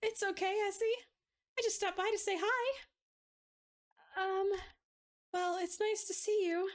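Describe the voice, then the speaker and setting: A woman voicing a cheerful yet heartbroken teenage girl, speaking high and tearfully while reading a visual novel aloud. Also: steady tone, a little slow. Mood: bubbly. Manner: high, wavering, tearful pleading.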